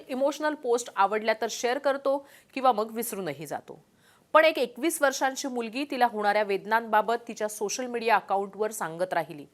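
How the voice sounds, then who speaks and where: A woman reading a scripted news story in a grave, measured way, with a Marathi accent. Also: a little high. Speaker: news narrator.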